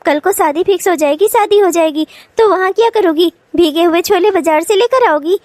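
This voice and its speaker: A young daughter-in-law in a cartoon who teases and coaxes, as a woman puts her on. The voice is very high and sits close and dry on the mic. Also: brisk, no room sound. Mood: teasing. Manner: gently mocking, coaxing. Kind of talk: cartoon voice acting.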